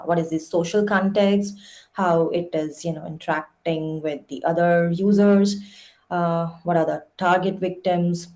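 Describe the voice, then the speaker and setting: A woman's voice: on the low side, dark tone. A young woman giving an academic lecture, explaining step by step with frequent "uh" fillers. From India. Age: young adult. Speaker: guest lecturer.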